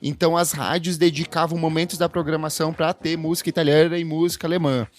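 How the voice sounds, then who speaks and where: This is a Brazilian man co-hosting a music podcast, telling family stories in a chatty, warm way. His voice sits a little high, and he restarts his sentences often. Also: flat delivery, fast talker. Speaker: podcast co-host. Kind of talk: casual chat.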